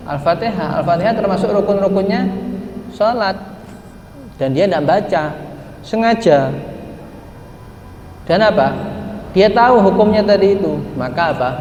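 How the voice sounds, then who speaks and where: A man giving a religious study lesson, asking himself rhetorical questions and drawing out Quranic words slowly as examples. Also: sits high, a little mellow, muffled recording, a little hiss or hum. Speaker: religious teacher. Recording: echoey hall with faint ambience.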